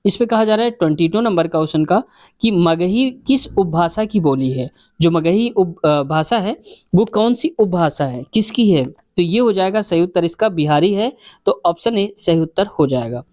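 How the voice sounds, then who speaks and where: A man's voice: sits high, expressive, normal speed, a little mellow, dry recording, studio quality. Man with tutoring. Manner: explanatory, repeats question numbers. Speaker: teacher. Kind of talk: exam question walkthrough.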